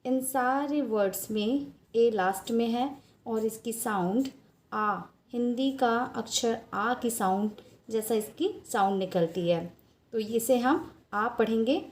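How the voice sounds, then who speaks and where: A woman's voice: fairly high pitch, darkish tone. A woman with an Indian accent teaching a phonics lesson, patiently explaining and spelling out letters one by one. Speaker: English teacher.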